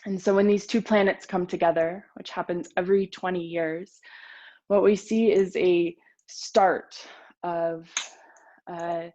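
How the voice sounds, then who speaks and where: Slow, soft-spoken woman yoga teacher. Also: fairly low pitch, fairly even intonation, dull audio. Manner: gentle, soothing, with pauses. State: a little nervous. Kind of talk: guided meditation talk.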